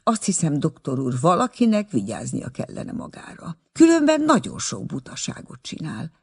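Male narrator voicing proud young woman, indignant and tart, husky. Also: fairly high pitch, wildly swooping pitch, darkish tone, heavily acted. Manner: scolding, indignant.

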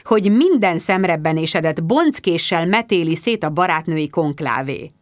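A woman reading the lines of an earnest, reserved man in a measured way for an audiobook. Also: on the low side, animated, dry recording, clean studio sound, natural voice.

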